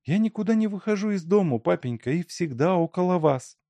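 A man voicing a timid young woman who speaks softly and sadly, with gravelly undertones, in a storybook reading. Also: high-pitched, lively intonation, fairly quick, dry recording, pitched above the performer's own voice. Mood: meek, downcast. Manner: soft, subdued, downcast.

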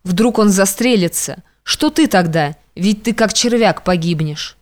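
A woman's voice: medium pitch, animated, a little slow, natural voice. A woman reading an audiobook, voicing a stern, domineering young man who speaks harshly and commandingly.

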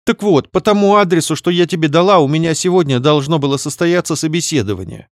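Guy doing a squeaky chirpy young sister, fast and wheedling, dry sound. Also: expressive, no echo, close to an everyday voice. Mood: pleading, cold. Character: bubbly scheming young woman, the sister.

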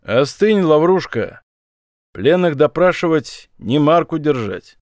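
A man's voice: fairly high pitch, expressive, slow, a little mellow, no echo, clean studio sound. A man voicing a scarred elderly male gang leader who gives short, firm orders. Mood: curt commands. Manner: curt, commanding.

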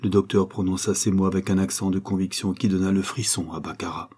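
A man reads a novel aloud at a steady, measured pace. His voice is low, dark and husky. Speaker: audiobook narrator. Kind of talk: scripted narration.

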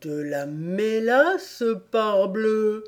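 A woman voicing a drowsy male dormouse with a slow, dreamy, half-asleep drawl in an audiobook. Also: medium pitch, expressive. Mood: sleepy. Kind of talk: audiobook character voice.

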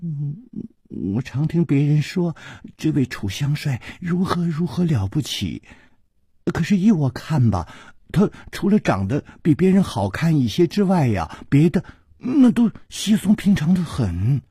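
A storyteller voicing a cheeky young male servant who teases and speaks in sly, low asides. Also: very animated, unhurried, slightly rough, no echo, studio quality, heavily acted. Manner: teasing, sly, soft asides.

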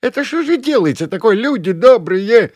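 A man's voice: sits high, very animated, normal speed, a little mellow, no room sound, pitched above the performer's own voice. A man doing a shrieking, bossy village woman. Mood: yelling, accusing. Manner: shrieking, abusive, coarse peasant speech. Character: shrill loud bossy village woman, middle-aged, huge hands. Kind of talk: audiobook character voice.

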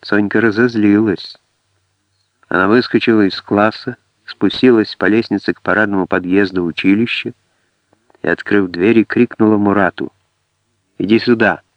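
A man reading an audiobook in a measured storytelling manner. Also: on the low side, fairly even intonation, dry recording. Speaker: audiobook narrator. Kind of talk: scripted narration. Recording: dry, dull lo-fi audiobook.

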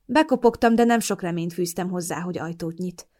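A woman narrating a novel in the first person, in a calm, steady storytelling manner. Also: on the low side. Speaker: audiobook narrator. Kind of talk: scripted narration.

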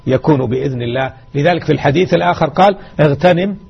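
A male religious teacher exhorts his listeners and drives home key words by repeating them. His voice is gravelly and husky, a little high for a man. It comes through as a muffled radio broadcast. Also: fast talker. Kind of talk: explaining a hadith lesson.

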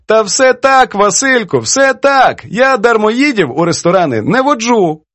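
A jolly elderly woman poet in a storybook, teasing her editor. She pitches high and lilts up and down. A male narrator acts her out in a dry, close voice. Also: sing-song, unhurried, fairly bright tone, no room sound, full character voice. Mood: mocking. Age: older. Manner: teasing, laughs easily.

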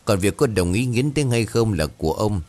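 A man's voice: lowish voice, animated, normal speed, darkish tone, slight background noise, lightly acted. A man voicing a stern, grave middle-aged village shaman who speaks firmly.

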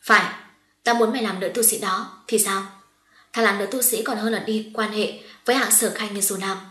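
A woman's voice: mid-range voice, fast, a bit bright, roomy sound, close to an everyday voice. A woman voicing a hurt young woman who speaks in a firm, cutting way. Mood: angry. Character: wounded young woman, calm but fierce.

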